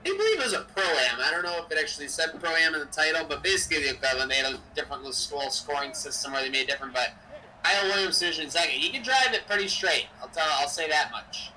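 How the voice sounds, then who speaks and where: Sharp, bright young man calling plays. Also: a little high, lively intonation, quick pace, far from the mic, a little hiss or hum, poor audio. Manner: chatty, jokey, drops game calls between stories. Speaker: co-host of a game-sim stream. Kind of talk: casual chat and play-by-play over a simulated football game.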